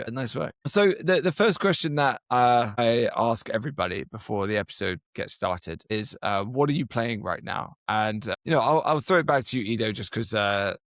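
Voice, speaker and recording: A man's voice: mid-range voice, no room sound, clean studio sound. A man in his thirties hosting a podcast interview, upbeat and chatty, encouraging his guests. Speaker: podcast host.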